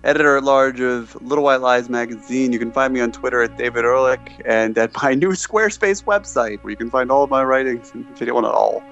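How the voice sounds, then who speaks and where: A man's voice: medium pitch, brisk, vocal fry, few pauses, fairly bright tone, soft background music. A man co-hosting a film podcast as a critic, talking casually over slightly lo-fi audio. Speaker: podcast co-host.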